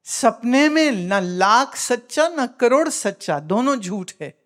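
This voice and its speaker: A woman's voice: a little high, animated, slow. A woman voicing a blunt, practical wife who scolds her husband. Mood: scolding.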